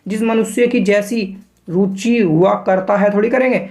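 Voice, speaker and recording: A man gives a patient spoken lesson on shorthand, walking through each step. He keeps checking in with his listeners. He also slows down to sound out words one by one as he demonstrates them. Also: high-pitched, a little mellow. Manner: explains step by step, checking in often. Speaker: shorthand teacher.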